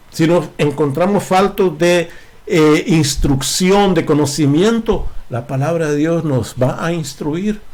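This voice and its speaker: A man's voice: fairly high pitch, a little mellow. Emphatic man teaching a Bible study. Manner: repeats words, many restarts and fillers. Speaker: lay preacher.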